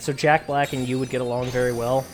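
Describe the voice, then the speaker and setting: A woman's voice: a bass voice, little pitch movement, fast talker. A woman streamer chatting casually and wryly while playing a game. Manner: wry, self-deprecating and chatty. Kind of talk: casual gameplay commentary. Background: faint game music.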